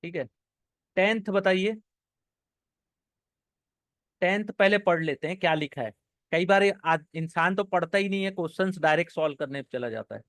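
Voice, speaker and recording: A young man with a high, slightly bright voice teaches a live exam-prep class online as an English teacher. He encourages his students, walks through each answer step by step, and reads sentences slowly. There's no echo.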